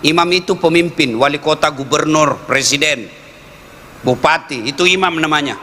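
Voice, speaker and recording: A man preaching a comic sermon, animated and rising to loud exclaimed questions. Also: moderate pace, slight background noise. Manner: acts out quoted voices with big pitch swings. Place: live event with audience.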